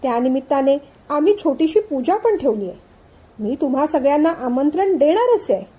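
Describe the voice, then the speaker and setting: A woman voicing a playful young man in a storybook reading, gently teasing and calming his friend. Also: sits high, brisk. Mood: coaxing. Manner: playful, soothing, laughing. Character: cheerful teasing male friend, coaxing.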